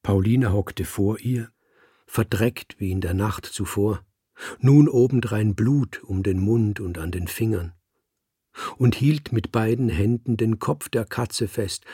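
A man narrating a literary audiobook in a measured, deliberate storytelling manner, recorded close in a studio. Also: lowish voice, warm tone, husky, no echo. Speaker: audiobook reader.

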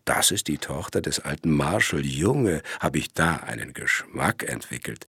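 A scheming male blackmailer with a lazy, mocking drawl, put on by a male narrator. The voice sits very low and sounds husky. It is a close, dry audiobook recording. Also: big pitch swings, unhurried, fairly bright tone, no room sound, exaggerated voice. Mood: sly. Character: cynical scheming male twin, a returned blackmailer.

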